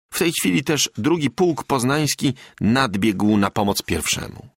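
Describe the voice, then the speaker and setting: A man's voice: mid-range voice, fairly bright tone, dry recording, clean studio sound. A man narrating a story in a vivid, theatrical audiobook style, building tension with swelling emphasis.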